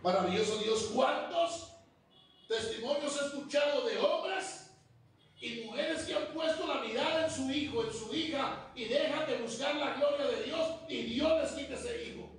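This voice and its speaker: A man's voice: very high-pitched, moderate pace, slight background noise. A man preaching a sermon in a church, emphatic and rhythmic, drawing out his phrases. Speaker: pastor. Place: church hall. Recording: very echoey hall, voice far from mic.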